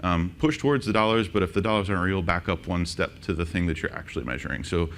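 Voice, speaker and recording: A man presenting a conference workshop, joking and quizzing the audience with quick questions. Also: deep voice, fairly bright tone, a little hiss or hum. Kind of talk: interactive conference talk. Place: conference session room.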